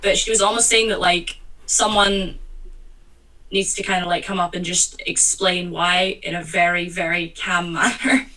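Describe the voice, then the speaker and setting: Guest, woman, bright voice heard from a distance on a call, rambling with many fillers. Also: on the low side, little pitch movement, measured pace. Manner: rambling, lots of fillers and repeated words. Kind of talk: casual conversation.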